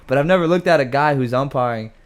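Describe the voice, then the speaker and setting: A man's voice: medium pitch, fast talker. A young man hosting a casual chat, joking, laughing often and airing strong opinions. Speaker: podcast host.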